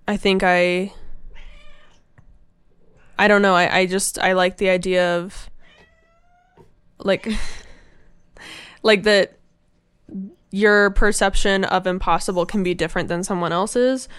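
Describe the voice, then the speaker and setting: A woman's voice: medium pitch, little pitch movement, slow, pauses often, a bit bright, clear, resonant tone, no room sound. A young woman co-hosting a podcast in casual chat, talking in loose, filler-filled runs. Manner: chatty, lots of fillers and restarts. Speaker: podcast co-host.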